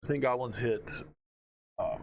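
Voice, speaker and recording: A man narrating casually as game master, halting and thinking aloud as he goes. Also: mid-range voice, a little hiss or hum.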